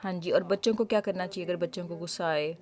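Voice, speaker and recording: A woman's voice: lowish voice, darkish tone. Patient woman host talking to kids. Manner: patient, teacherly, asks the child questions. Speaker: children's program host. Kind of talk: gentle explaining to children.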